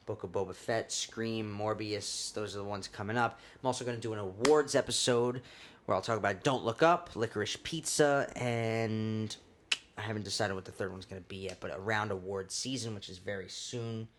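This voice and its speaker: Casual lower-voiced man hosting a podcast. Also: steady tone, moderate pace, fairly bright tone. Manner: loose, joking, swears casually. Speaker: podcast host.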